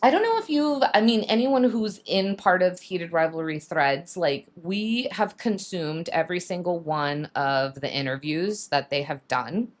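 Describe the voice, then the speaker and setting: A woman co-hosting a casual craft and gossip stream, gushing and animated as she chats. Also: on the low side, measured pace, few pauses. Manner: animated, gushing fan talk with laughs. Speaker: podcast co-host. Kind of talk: casual chat while crafting.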